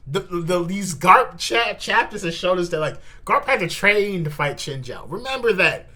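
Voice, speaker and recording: Speaking at normal speed, this animated host reacts to manga live, keeping it casual and slangy with plenty of exclamations and repeated words. The bright, punchy tone comes with a very lively pitch range.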